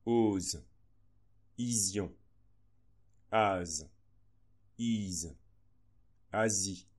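A man reading a slow phonics lesson, saying each word deliberately with pauses between. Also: sits low, darkish tone, husky. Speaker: teacher.

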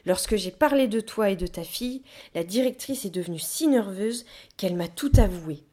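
A woman's voice: mid-range voice, lively intonation, normal speed, dark tone, close to an everyday voice. A woman voicing a cold, ironic male town official who speaks in a smug, mocking way in an audiobook. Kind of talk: audiobook reading.

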